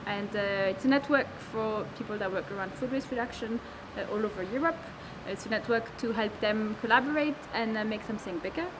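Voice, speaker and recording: Against background noise, the founder of a food waste network answers interview questions in a mid-range voice, speaking a little fast and rarely pausing. She is in her twenties, of Lebanese and French background, and talks casually with lots of fillers and false starts.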